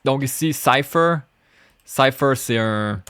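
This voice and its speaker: A man with a Québécois French accent talks through his rap lyrics in a slow, deliberate lesson. He repeats phrases and switches into English to explain them, at a middle pitch, in a dry recording with no room sound. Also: fairly bright tone, clean tone, no echo. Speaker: French teacher and rapper.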